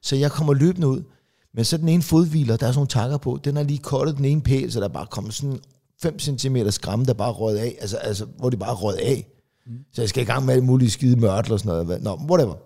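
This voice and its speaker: A comedian co-hosting a podcast, telling rambling family anecdotes full of fillers and restarts. He briefly acts out relatives in quick, raised voices. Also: medium pitch, vocal fry, mellow. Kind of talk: casual chat, storytelling.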